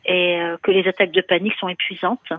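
A woman calls in to a radio show on a landline, confiding hesitantly and repeating her words. Her fairly low voice is flat and fast, and the phone line sounds tinny and dry, with no echo.

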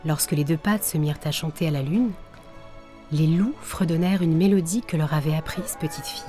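A woman narrating a children's story in a gentle, measured way. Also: low-pitched, soft background music.

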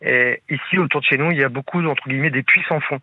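Fast-talking man on a radio call-in line. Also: mid-range voice, slight background noise. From France. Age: 40s. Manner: eager, agreeable, quick to affirm. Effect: radio call-in line, lo-fi sound. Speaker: caller. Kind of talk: casual call-in conversation.

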